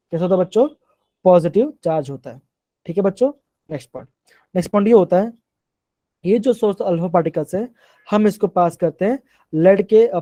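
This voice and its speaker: A man's voice: high-pitched, warm tone, no echo. A man teaching a class live online, often asking questions and repeating them, mixing terms into his sentences.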